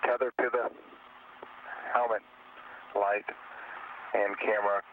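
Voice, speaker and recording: A man's voice: lowish voice, level tone, slow. A man on a spacewalk, talking easily over his helmet radio while he works. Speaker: astronaut on a spacewalk. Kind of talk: working chatter over a radio loop. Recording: tinny distant radio link with hiss.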